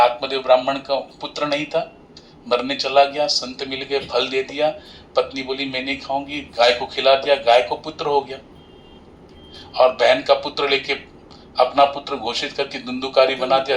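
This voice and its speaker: A man giving a devotional sermon, telling a comic parable and acting out both husband and wife, swinging between loud cries and soft asides. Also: medium pitch, a little hiss or hum. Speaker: katha narrator. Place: Navi Mumbai.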